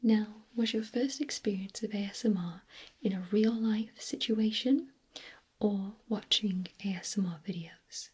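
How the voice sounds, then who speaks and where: A woman in a whispered role-play as a clinic examiner, speaking gently in a breathy, unvoiced whisper. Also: medium pitch. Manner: slow, gentle, softly questioning. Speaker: ASMR performer playing a clinic examiner.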